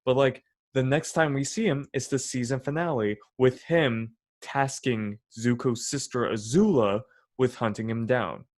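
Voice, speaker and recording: A young man co-hosts a podcast in casual chat, his mid-range voice running a little slow. He rambles, restarting often and filling gaps with "you know" and "like."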